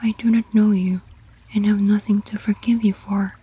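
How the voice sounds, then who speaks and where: A woman voicing an earnest, weary male king seeking wisdom, in a soft whisper. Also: medium pitch, level tone, normal speed, husky, dry recording, poor audio. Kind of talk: ASMR story reading.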